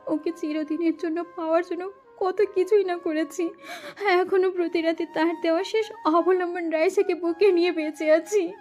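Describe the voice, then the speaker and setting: A woman's voice: sits high, steady tone, normal speed, a little mellow, soft background music. A woman voicing a desperate young wife who pleads and stammers through tears in an audio story drama. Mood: pleading.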